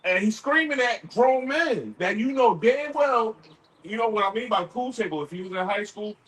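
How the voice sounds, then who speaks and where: A man talking in a casual group chat, animated and full of slang, acting out quoted voices. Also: high-pitched, moderate pace, far from the mic. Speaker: podcast co-host.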